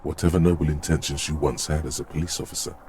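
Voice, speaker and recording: A man's voice: a bass voice, steady tone, quick pace, darkish tone, a little hiss or hum. A man voicing the grim inner voice of a game's hero, narrating in the second person with a dry, sardonic manner. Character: deep inner voice of the mind, grim and cutting. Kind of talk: video game narration.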